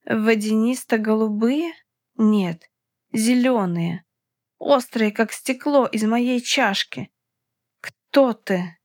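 A woman narrates a fantasy audiobook in the first person, reading steadily and with expression. Her voice sits fairly high, and the recording is dry and close. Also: slow pace, darkish tone, dry recording. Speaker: audiobook reader.

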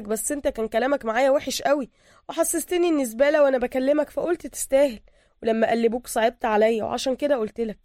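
A woman voicing a frightened young Egyptian man with an Egyptian accent, crying and pleading in a strained, high, loud voice. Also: no echo, clean studio sound, natural voice. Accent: Egyptian Arabic.

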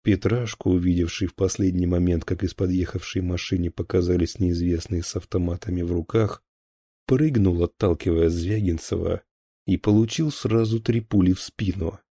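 A man narrating a thriller audiobook in a steady, even storytelling voice. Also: deep voice, normal speed, husky, no echo.

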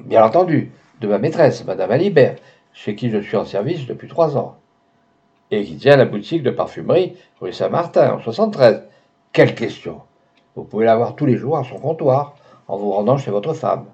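A man voicing a talkative young female maid in her twenties, quick to explain herself and shrill with fear when threatened, on a dull lo-fi recording. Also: expressive, dark tone, lightly acted. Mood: insistent. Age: 20s. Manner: chatty, insistent, shrill when frightened.

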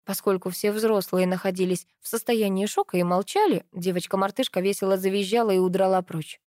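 Woman narrator, first-person novel, audiobook, expressive, lively, dry close sound. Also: medium pitch, fairly quick, no echo.

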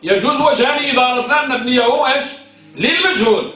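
Teacher guy quizzing his class over and over, high sharp voice, far from the mic. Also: quick pace. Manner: drills students with repeated questions and answers. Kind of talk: classroom grammar lesson. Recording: echoey room, mic far off.

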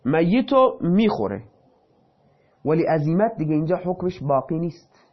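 A man's voice: a little high, sing-song, highs cut off. A man teaching a lesson who reads a passage aloud, then explains it in plain, casual speech. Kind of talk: reading and explaining a text.

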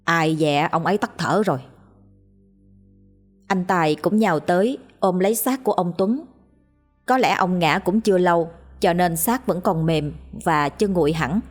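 A woman storyteller reading a ghost story in a steady, measured way. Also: lowish voice, soft background music.

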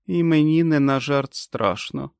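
A man's voice: medium pitch, lively intonation, moderate pace, dry recording, studio quality, lightly acted. A man voicing a nervous young pregnant woman who speaks hesitantly. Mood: nervous, wary. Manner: hesitant, tense.

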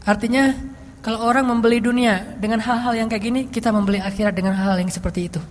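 A woman giving a casual religious study talk as a preacher, telling stories in a lively, chatty way. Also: on the high side, quick pace, slight background noise. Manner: lively storytelling, chatty asides. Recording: long hall reverb.

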